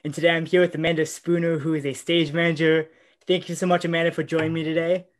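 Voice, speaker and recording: A young man hosts a casual interview over a video call, friendly with brief, slightly halting remarks. His voice sits a little high for a man. He talks through a headset mic in a small room. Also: little pitch movement, a little hiss or hum. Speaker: host. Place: small room with purple lighting.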